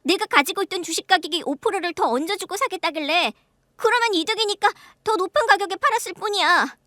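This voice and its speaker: A woman's voice: very high voice, fast talker, pushed and bright, dry recording, studio quality, voice pushed up. Woman voicing a defensive younger brother. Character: young man in his mid-twenties, the younger son, protective of his sister.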